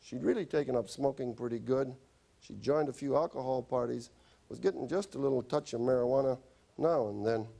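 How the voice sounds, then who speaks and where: Gravelly-voiced doctor telling stories. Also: male voice, medium pitch, a little fast, mellow. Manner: chatty anecdotes with wry humor. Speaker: doctor giving a stop-smoking talk. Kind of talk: storytelling health lecture.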